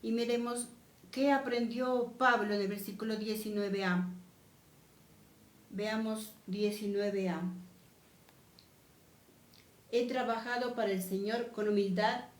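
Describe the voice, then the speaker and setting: A woman's voice: medium pitch, steady tone, measured pace. Lady preacher giving a sermon, repeats stuff for emphasis, roomy echoey church sound. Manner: emphatic, repeats key phrases.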